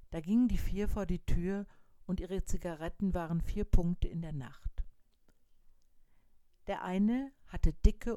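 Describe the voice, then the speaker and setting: A woman reading a story aloud, slowly and quietly, sometimes in a whisper. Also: fairly low pitch, dry recording.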